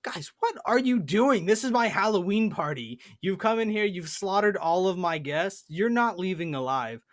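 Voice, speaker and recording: A man's voice: sits high, animated, moderate pace, voice pushed up. A man voicing a bossy undead male Death Knight in a tabletop game story. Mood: indignant.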